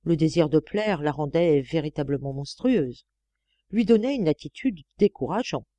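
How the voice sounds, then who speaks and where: A woman narrates a classic novel as an audiobook in a measured, expressive way. Her tone is mellow and relaxed. The recording is dry and close. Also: low voice, no echo. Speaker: audiobook reader.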